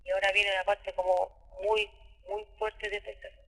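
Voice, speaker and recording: A woman tells her story in halting, emotional bursts, repeating words as she goes. Her voice is husky and gravelly with a bright, tense edge. A long reverb trails behind her, as if she were recorded in a hall. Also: medium pitch, flat delivery. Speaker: interviewee recounting abuse. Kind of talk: emotional personal testimony.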